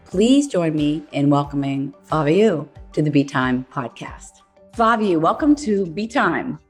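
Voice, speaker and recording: A woman hosts a podcast with a low voice. She reads an upbeat, scripted introduction. Soft music plays faintly behind her. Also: expressive, measured pace, slightly rough. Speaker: podcast host. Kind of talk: podcast interview.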